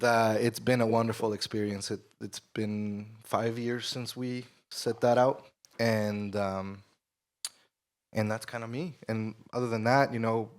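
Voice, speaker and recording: Low-voiced man from Ecuador, relaxed panelist. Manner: relaxed, with many fillers and restarts. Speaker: panelist, studio manager and engineer. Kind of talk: conference panel talk. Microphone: shared handheld mic.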